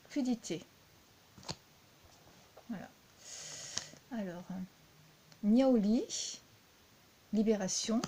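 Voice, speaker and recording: A woman with a French accent talks through a card deck at a slow, unhurried pace. Her voice is soft and mellow, and she hesitates often, repeating words as she goes. A faint hiss sits under the recording. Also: mid-range voice. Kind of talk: unhurried spoken review.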